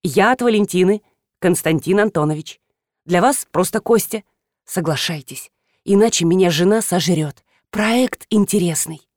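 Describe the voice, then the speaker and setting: A woman's voice: fairly low pitch, moderate pace, a little mellow, dry recording, clean studio sound, lightly acted. A woman reading an audiobook, voicing a pushy man who talks casually and insistently. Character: pushy man, fast-talking producer.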